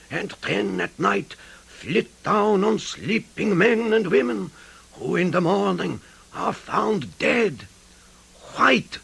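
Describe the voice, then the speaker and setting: A gravelly, urgent old professor. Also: male voice, high-pitched, a bit bright, full character voice. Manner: emphatic, pleading. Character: elderly male professor, earnest and urgent. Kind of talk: radio drama acting.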